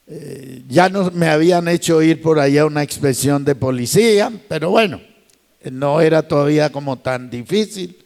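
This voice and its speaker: Male pastor, fervent storytelling sermon, raised gravelly voice, long hall reverb. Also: on the high side, a little mellow. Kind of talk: sermon testimony.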